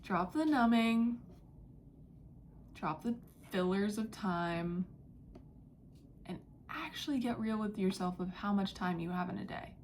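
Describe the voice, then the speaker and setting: A young woman giving a spiritual channeling message, talking in a halting, dreamy way with many fillers and slipping into soft whispers. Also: medium pitch, a little hiss or hum. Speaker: psychic channeler. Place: indoors near a window, street and birds outside.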